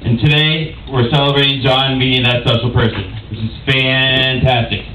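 A man's voice: medium pitch, normal speed, highs cut off. Young man giving a wedding toast. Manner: storytelling, animated and joking. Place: large party tent. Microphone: handheld mic through speakers, far camera. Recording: echoey, distant, noisy camcorder audio.

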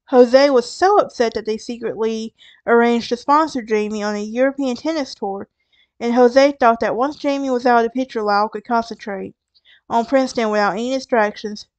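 Southern woman hosting a true crime podcast: smooth, clear voice, casual storytelling with wry asides. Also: fairly high pitch, moderate pace, darkish tone, no echo. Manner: conversational, with asides and restarts. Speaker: podcast host.

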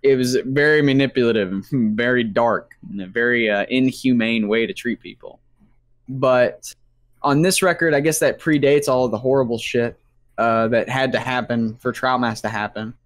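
A man co-hosting a music review podcast, talking in a loose, rambling way that wanders as he goes. His voice sits at an ordinary middle pitch. The sound is close and dry, with no room to it. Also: normal speed, no echo. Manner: rambling, cursing, laughs mid-sentence. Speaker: podcast co-host. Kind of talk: casual album review chat.

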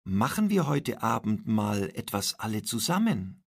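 A man voicing a mother talking to her family, with a husky voice. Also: fairly low pitch, very animated, unhurried, exaggerated voice. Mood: hopeful.

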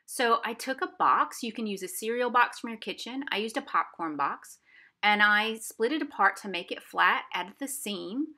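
An art instructor for a museum's family program, this woman has a somewhat high, sharp voice and a moderate pace. She addresses children at an indoor craft table, walking them simply through a craft.

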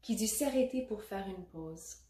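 A woman reading a children's picture book aloud, expressive and adding little asides for children. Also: mid-range voice, unhurried. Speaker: storybook reader. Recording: roomy echo.

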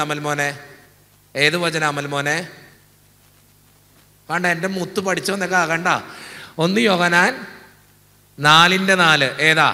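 Man, Keralan priest, jovial sermon, fairly high bright voice, teasing the congregation, echoing church hall. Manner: leads call-and-response. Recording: echoey hall.

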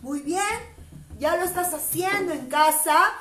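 A woman's voice: high-pitched, unhurried. Sing-song woman teacher leading children. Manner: animated, chanting and singing action rhymes. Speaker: preschool teacher. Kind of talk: sing-song preschool class routine. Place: classroom with children. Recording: roomy sound, mic at a distance.

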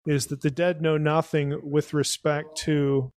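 A man's voice: fairly high pitch, little pitch movement, measured pace, a little mellow. A podcast host answering an audience question at a live event. He thinks aloud, often restarts, and keeps saying "again" and "you know".

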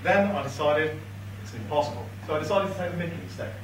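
Reading from notes, a best man in his late twenties teases the couple dryly at an indoor wedding reception and leaves pauses for the laughs. His fairly high voice comes from a camera on the far side of a big, high-ceilinged room with no microphone, giving an echoey, far-off sound with slight hiss or hum. Guests laugh over the room ambience.

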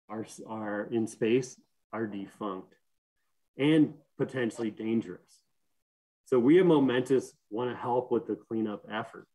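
A young systems engineer gives a technical conference talk from home over a video call, using a webcam or laptop mic that makes the recording low-quality. His medium-pitched, dark voice explains earnestly, with many fillers and restarts.

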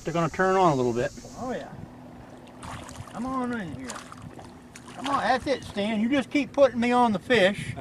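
A man's voice: high-pitched, slight background noise, rough recording. Folksy older man on a lake. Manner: folksy, chatty, teasing. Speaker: fishing show host. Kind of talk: casual outdoor show commentary. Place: on a boat on a lake outdoors.

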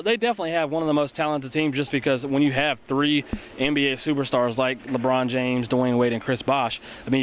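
A young man runs through post-game analysis at a rapid clip, earnest and full of restarts. He speaks into a handheld mic in an empty arena. Faint ambience hums behind him. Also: medium pitch, slight background noise. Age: young adult. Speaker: sports broadcaster co-host. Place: empty indoor basketball arena. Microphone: handheld mic held by co-host.

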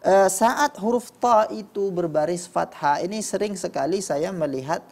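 Measured male recitation judge. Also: high voice. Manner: measured, instructive, demonstrates pronunciation. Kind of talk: spoken critique of recitations.

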